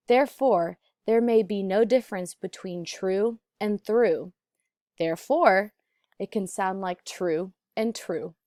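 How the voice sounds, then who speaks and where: A woman narrating an instructional lesson as an accent teacher, enunciating deliberately. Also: mid-range voice, darkish tone, no echo, studio quality.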